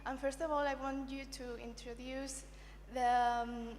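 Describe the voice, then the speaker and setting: A woman's voice: sits high, level tone, measured pace, darkish tone, a little hiss or hum. Hesitant young woman from Colombia, echoey. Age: young adult. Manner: hesitant, searching for words. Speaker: panelist. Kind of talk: self-introduction on stage. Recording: echoey hall, voice off mic.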